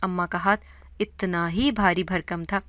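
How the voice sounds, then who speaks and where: A woman's voice: lowish voice, fairly even intonation, fairly bright tone, no room sound. Woman narrating a horror story.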